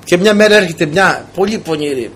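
Husky, high-voiced, animated male preacher. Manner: emphatic, storytelling delivery with a direct address to the congregation. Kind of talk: sermon.

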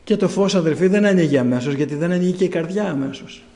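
A man's voice: sits high, dark tone. A man speaks to a congregation in a slightly raised register, recounting his own conversion. He tells it as a story and acts out what he once said to himself. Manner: storytelling, acting out his own past words. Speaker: church testimony speaker. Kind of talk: personal testimony sermon.

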